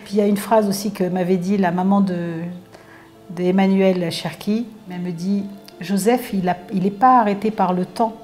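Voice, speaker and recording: A woman's voice: medium pitch, fairly even intonation, normal speed, darkish tone, soft background music. A middle-aged woman, mother of a fallen soldier, tells personal memories and dreams with feeling, acting out the dialogue she quotes. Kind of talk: emotional personal recollection.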